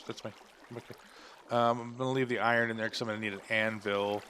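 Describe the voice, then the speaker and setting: A man's voice: medium pitch, bright, forceful tone, slight background noise. A man hosting a gaming channel, chatting casually as he builds and thinks aloud, trailing off and humming to himself. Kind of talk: casual gameplay commentary.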